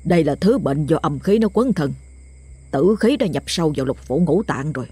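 A man's voice: animated, a little fast, dark tone, slightly rough, no room sound. A woman voicing a stern male exorcist, grave and curt. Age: 60s. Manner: grave, curt, low-spoken. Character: stern old male exorcist, about sixty.

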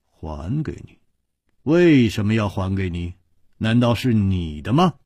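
A man doing a gruff, mocking swordsman. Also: fairly low pitch, sing-song, unhurried, a little mellow, no echo. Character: hard-drinking, hot-tempered swordsman, mocking and boisterous.

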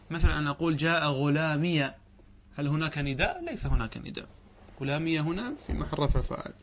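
A man's voice: fairly high pitch, a bit bright. A man giving a classroom grammar lecture, repeating examples and quizzing his students. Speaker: teacher of Arabic grammar.

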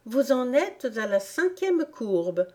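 A woman's voice: very animated, slow pace, darkish tone, exaggerated voice. A woman voicing a polite, dreamy young girl in a storybook, eager and pleading. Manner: eager, pleading, higher than her narration.

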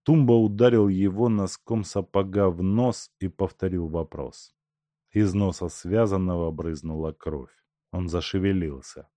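Man reading a story aloud, lowish voice, steady, dry close mic. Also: no room sound. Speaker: audiobook narrator. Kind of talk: scripted narration.

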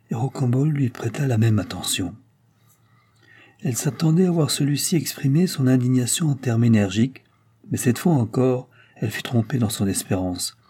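A man narrating a classic novel in a steady, measured reading. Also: mid-range voice, breathy edge. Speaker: audiobook narrator.

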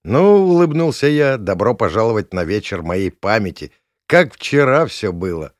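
A man voices a cocky young city fellow, calm and wry, with a lively lilt. The sound is dry and close. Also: lowish voice, moderate pace, dry recording.

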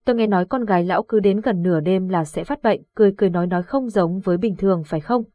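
A woman's voice: mid-range voice, no room sound, muffled recording, lightly acted. A woman reading as a grave old exorcist. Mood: questioning. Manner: measured, authoritative. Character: calm old exorcist master, knowing.

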